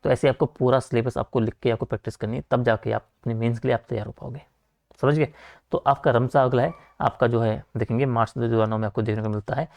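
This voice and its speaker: Giving an online lecture, this young coaching teacher from Uttarakhand, India, speaks quickly in a gravelly, mid-range voice with a steady, slightly mellow tone. He tosses informal asides to students and keeps repeating "theek hai" and "aapka."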